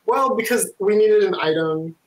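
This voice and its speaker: Playful tabletop player with a middle pitch. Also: normal speed, poor audio. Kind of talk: casual tabletop play.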